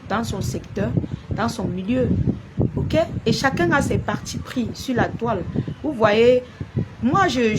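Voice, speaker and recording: A woman blogger speaks on a live stream, scolding and confronting a rival in repeated, insistent phrases. Her voice sits slightly high. Clear noise hums behind her throughout. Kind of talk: live-stream rant to viewers. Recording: noisy background.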